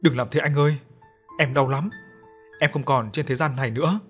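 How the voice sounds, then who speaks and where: A man's voice: mid-range voice, a little fast, faint music behind, close to an everyday voice. A man voicing a mournful young woman's ghost. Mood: pleading, mournful. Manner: tearful pleading.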